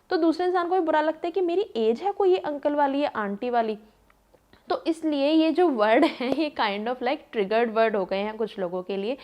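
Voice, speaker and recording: Chatty woman telling a story, slightly high. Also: darkish tone. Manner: chatty, lots of fillers, acts out quoted voices. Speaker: vlogger. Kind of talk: casual storytelling monologue.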